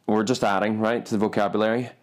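A man co-hosting a podcast, chatting casually and teasing his friend with playful, drawn-out remarks. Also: lowish voice, level tone. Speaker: podcast co-host. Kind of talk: casual banter.

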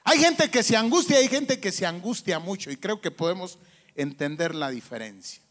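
High-voiced preaching man, echoing hall. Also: animated, moderate pace, fairly bright tone. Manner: emphatic preaching with rhetorical questions. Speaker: pastor. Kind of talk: sermon. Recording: long hall reverb.

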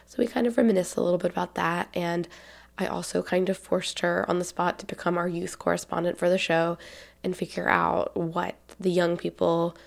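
Chatty and loaded with fillers like "um" and "like," this twenties-aged podcast host from Tennessee has a Southern American accent. She speaks on the low side with a darkish tone and vocal fry.

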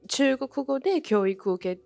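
A young woman from Inner Mongolia speaks Japanese with Chinese as her first language. She answers politely and a little hesitantly, often pausing on fillers. Her voice is mellow and recorded dry, with faint music behind. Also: high-pitched, lively intonation, gravelly, no room sound. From Inner Mongolia, China. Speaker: interview guest, former international student. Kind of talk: conversational interview answers.

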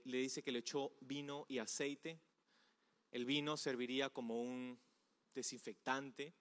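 A male pastor giving a conversational sermon, often asking the audience rhetorical questions. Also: mid-range voice. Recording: long hall reverb.

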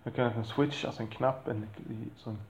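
A man's voice: mid-range voice, steady tone, darkish tone, echoey room, slight background noise, poor audio. A man talking frankly about being a father, in a blunt, profane and rambling way with self-deprecating asides. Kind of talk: candid monologue.

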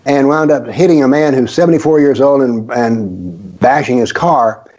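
A man's voice: medium pitch, moderate pace, a little mellow. Wry older man with dull lo-fi sound. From American South. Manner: wry, sarcastic, storytelling. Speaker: guest author. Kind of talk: casual radio talk. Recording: dull lo-fi audio.

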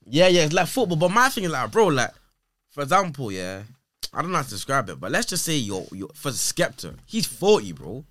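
A man's voice: on the high side, big pitch swings, brisk, fairly bright tone, no echo, studio quality. A man of nineteen with a London roadman accent, chatting casually and with strong opinions as a podcast guest, full of slang and repeated phrases. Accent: London, urban roadman slang.

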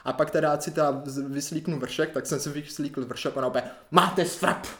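A man's voice: on the high side, fairly even intonation. A man telling a long anecdote in casual chat, rambling and checking in with tag questions. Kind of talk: casual storytelling.

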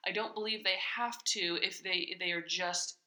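Chatty bright-voiced woman. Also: fairly low pitch, fairly even intonation, moderate pace. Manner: chatty, thinks aloud, self-correcting. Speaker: podcast co-host. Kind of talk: casual chat.

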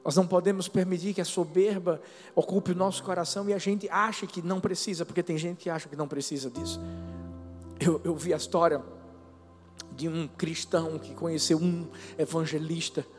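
High-voiced preacher in a reverberant church. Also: male voice, fairly even intonation, brisk. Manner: emotive storytelling preacher, swings between soft and loud. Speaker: pastor. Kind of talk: sermon. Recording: long hall reverb with music behind. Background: musical instrument playing.

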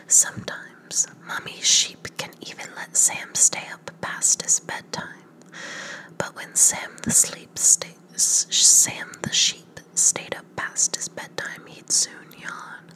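A woman podcaster whispering a bedtime story meant to send the listener to sleep, softly repeating words over and over. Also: low-quality recording. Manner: soft whisper, slow hypnotic repetition of words.

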